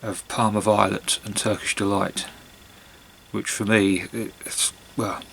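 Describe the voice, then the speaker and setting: A man chatting casually on his own in a hesitant, musing way, with long pauses and trailing phrases. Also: lowish voice, little pitch movement, creaky, fairly bright tone, a little hiss or hum, poor audio. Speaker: pipe-smoking vlogger. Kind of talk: casual monologue to camera.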